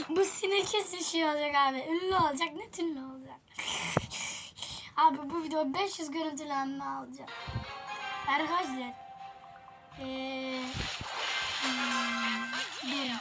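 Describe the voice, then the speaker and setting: A woman with a high voice talks her viewers through a mobile game match in loose, slangy chatter. She is excitable, bursting into shouts at opponents and then muttering apologies. Loud game music plays behind her. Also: a little slow, pauses often. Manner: excitable, swings between yelling at opponents and quiet apologies; casual slangy talk to viewers. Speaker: gaming YouTuber. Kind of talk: live gameplay commentary.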